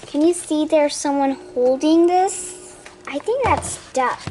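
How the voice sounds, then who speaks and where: A child storybook reader reads a picture story aloud with expression, adding sound effects and asides for young listeners. The voice is high and slow.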